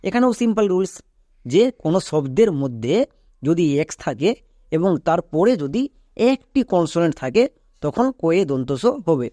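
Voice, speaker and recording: A man teaching English pronunciation, explaining rules step by step and checking with quick questions. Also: on the high side, sing-song, dark tone, no room sound, clean studio sound. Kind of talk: explanatory lesson, addressing viewers directly.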